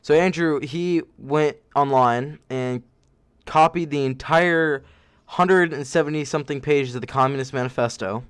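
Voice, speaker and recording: A young man co-hosting a casual podcast who tells long stories in an animated way, with lots of "like" and "uh". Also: a little high, normal speed, clear, resonant tone, no room sound, clean studio sound. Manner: animated storyteller, frequent fillers. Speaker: podcast co-host.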